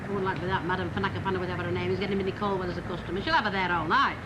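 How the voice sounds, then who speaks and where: A woman's voice: lowish voice, very fast, lightly acted. An actress playing a bossy, blunt older woman with a Northern English accent, scolding in 1960s television drama. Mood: grumbling, scornful. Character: sharp-tongued, battle-axe older woman, indignant and bossy. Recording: noisy 1960s television soundtrack.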